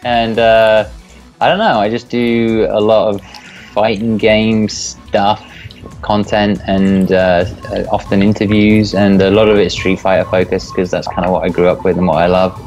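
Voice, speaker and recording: A deep-voiced middle-aged man with an English accent, talking as a guest on a video call from a room at home. He rambles in a relaxed way and swears casually, with faint music behind him. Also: normal speed, highs cut off. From England. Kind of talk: casual interview chat. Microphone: earphone mic on a video call.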